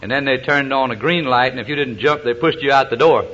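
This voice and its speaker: A man's voice: medium pitch, fast, fairly bright tone, a little hiss or hum. A man, speaking from a platform at a recovery meeting, telling his story in a folksy way with a lot of hesitations. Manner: folksy storyteller, frequent uh's. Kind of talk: personal testimony talk with jokes. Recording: dull lo-fi recording.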